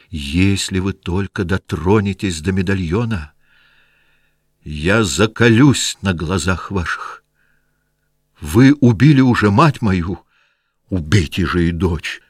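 A man voicing a devout young daughter who pleads loudly and with passion. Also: low voice, animated, slow, long pauses, breathy edge, dry recording, studio quality, heavily acted. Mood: desperate. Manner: impassioned, loud pleading.

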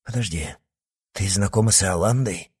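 Brief: grim young man turning werewolf, very low and husky, read by a male narrator. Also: moderate pace, a little mellow. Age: young adult.

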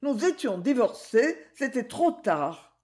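A woman's voice: a little high, big pitch swings, takes it slowly, darkish tone, pitched above the performer's own voice. A woman reading aloud, voicing a young divorced woman, a former nightclub singer, in a raised, pleading voice. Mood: anguished. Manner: pleading, emotional.

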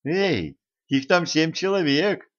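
A brash young woman who fires back quick, sarcastic retorts, as a man raises his voice to play her. The recording sounds slightly muffled, like a home-made audiobook. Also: a little high, animated, voice pushed up. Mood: snappy. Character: sharp-tongued bold young woman.

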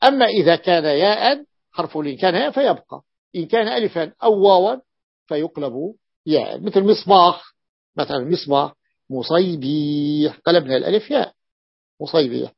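A sheikh teaches a class, his fairly high voice husky and a little breathy. He goes slowly through each example, repeating it and asking if his students follow. The recording is dry and dull, like a lo-fi classroom tape. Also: lively intonation, no room sound. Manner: patient, repeats and counts out examples, checks understanding. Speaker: sheikh teaching Arabic morphology. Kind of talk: classroom lecture.

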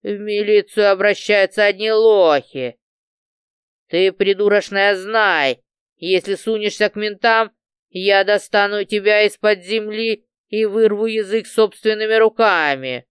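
A woman voicing a furious, crude male gangster who snarls threats in a loud, lowered voice. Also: measured pace, clean tone, dry recording, clean studio sound. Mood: vicious scorn. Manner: snarling, swearing.

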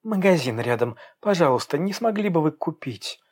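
A man's voice: mid-range voice, sing-song, normal speed, slightly rough. A man voicing a cold, scheming young woman in an audiobook, speaking scornfully and defiantly. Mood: feigned pain. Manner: icy, scornful, then feigning pain. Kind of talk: audiobook character voice.

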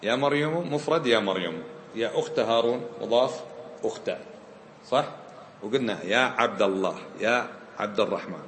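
This grammar teacher's voice sits on the low side, a bit bright, with lively intonation at a normal speed. Addressing students in a lecture room, he asks them questions and mixes dialect into the lesson, captured with roomy echo and slight background noise.

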